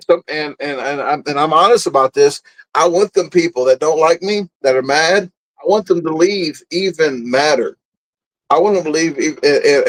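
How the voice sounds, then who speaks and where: A man's voice: fairly high pitch, rough recording. A man, a guest telling stories in a casual interview, blunt and boastful, often laughing at himself. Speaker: guest, food and camping content creator.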